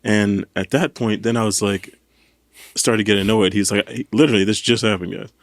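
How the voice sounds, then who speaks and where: A man's voice: lowish voice, a little fast, no room sound. A man casually telling a story on a podcast, acting out what people said. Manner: animated storytelling, acts out quotes. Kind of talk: casual chat.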